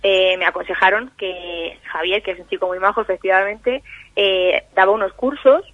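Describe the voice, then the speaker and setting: Young woman guest calling in, halting and filler-heavy, dull phone sound, dry. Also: medium pitch, dry recording. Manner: hesitant, many fillers and restarts. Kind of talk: casual radio interview over the phone. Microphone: telephone. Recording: muffled phone line.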